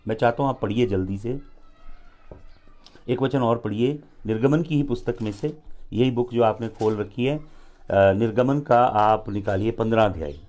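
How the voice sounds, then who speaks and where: A man preaching a live sermon as pastor, delivering deliberate phrases with pauses and leading the congregation in call-and-response. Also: medium pitch, a little mellow.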